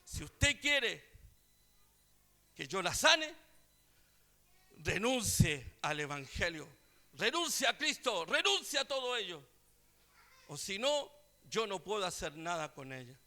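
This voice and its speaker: A man voicing an angry, desperate woman healer who makes shrill, demanding outbursts. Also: very animated, moderate pace, a bit bright.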